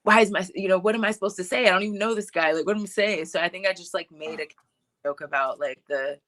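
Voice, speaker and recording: Speaking quickly in a lowish, slightly bright voice, the woman recounts her life as a Hawaiian filmmaker and actress. It's a relaxed video-call interview, reflective in mood, with plenty of "like" and "you know" along the way.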